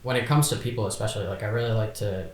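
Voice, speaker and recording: A man's voice: on the low side, fairly even intonation, racing, echoey room. A man in his twenties, a podcast guest talking casually and hesitantly, full of fillers and restarts. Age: 20s. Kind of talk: casual chat.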